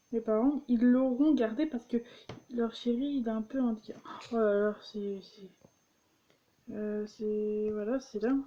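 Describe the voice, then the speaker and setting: A woman's voice: on the high side, warm tone, lo-fi sound. A young woman reading jokes aloud and explaining them, giggling often and tripping over her words. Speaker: vlogger.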